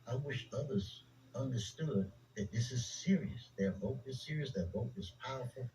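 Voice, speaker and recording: A man speaking in a radio interview, emphatic and indignant, with a deliberate delivery. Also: mid-range voice, expressive, warm tone, far from the mic, a little hiss or hum, rough recording. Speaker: interviewee, local voter voice.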